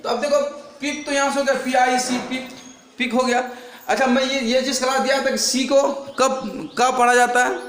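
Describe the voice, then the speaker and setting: A man teaching a classroom lesson, spelling words out slowly and drilling his students with repeated questions. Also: very high-pitched, little pitch movement, fairly bright tone. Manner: slow, drawn-out spelling. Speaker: English teacher. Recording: echoey room with faint noise.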